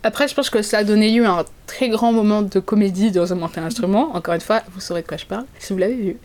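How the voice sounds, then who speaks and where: A woman's voice: mid-range voice, fast talker, darkish tone. A young woman co-hosting a podcast, talking casually about films in a chatty, wry, digressive way. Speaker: podcast co-host. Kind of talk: casual chat reviewing films.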